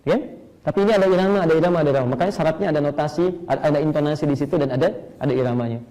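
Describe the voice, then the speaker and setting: A male Islamic preacher giving a lively lecture sermon, quizzing his listeners and chanting Arabic verse meters to make his points. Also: on the high side, rapid-fire, low-quality recording. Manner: asks audience rhetorical questions.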